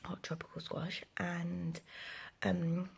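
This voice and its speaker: A young woman in her twenties whispers close to the camera at home, her voice very breathy and husky with a gravelly fry. She sits low in pitch and rambles casually with a slightly sore throat. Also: little pitch movement, slow. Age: 20s. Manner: rambling, many fillers and restarts. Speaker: vlogger. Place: home, indoors.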